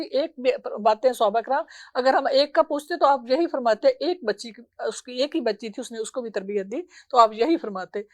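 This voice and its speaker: A woman's voice: on the high side, darkish tone. A middle-aged woman preaching a sermon, telling a story with emotional sighs and laments. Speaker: religious preacher.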